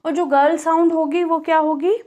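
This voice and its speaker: A woman teacher with a Kanpur Hindi accent, giving a classroom physics lesson and explaining step by step, repeating key words and pausing on fillers. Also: extremely high pitch, steady tone, warm tone. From India.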